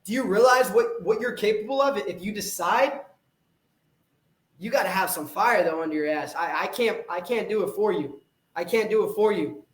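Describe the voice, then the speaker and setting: A man's voice: high voice, normal speed, roomy sound. A man who coaches fitness and hosts a podcast, delivering an intense, profane, fired-up motivational monologue.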